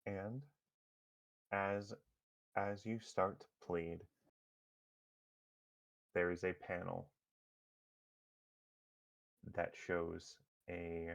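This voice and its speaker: A man narrating a tabletop superhero game as game master, halting with many fillers and restarts. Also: low voice, flat delivery, gravelly, muffled recording.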